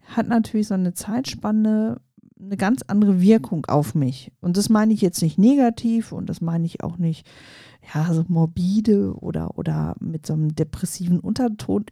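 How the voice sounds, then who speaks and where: A woman in her forties hosting a coaching podcast, talking calmly and reflectively straight to the listener. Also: lowish voice, no echo, studio quality. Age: 40s. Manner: calm, reflective, addresses listener directly. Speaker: podcast host.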